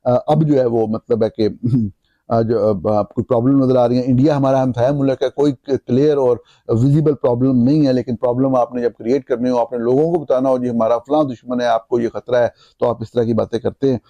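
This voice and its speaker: Guy talking politics, emphatic, really dark soft-edged voice, dull dry recording. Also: medium pitch, steady tone, a little fast, no echo. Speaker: political commentator. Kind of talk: political commentary. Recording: dull, muffled, dry audio.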